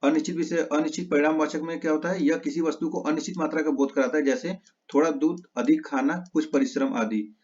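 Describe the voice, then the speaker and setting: A man's voice: a little high, fairly even intonation, darkish tone. Man rattling off word lists. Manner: rapid list recitation with self-corrections. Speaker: exam-prep teacher. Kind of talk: lesson, reciting word lists. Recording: slightly dull lo-fi audio.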